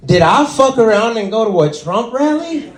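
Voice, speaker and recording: A man's voice: normal speed, reverberant. A young man doing stand-up, telling a story and acting out the people in it with sudden jumps in his voice. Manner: animated, acts out quotes with big pitch jumps. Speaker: stand-up comedian.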